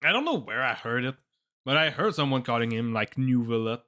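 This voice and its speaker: A man streaming a game and chatting casually over it, musing aloud and circling back on his points. His voice is bright and sits at a middle pitch. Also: big pitch swings, brisk. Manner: rambling, musing aloud with many "like"s. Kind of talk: casual live commentary.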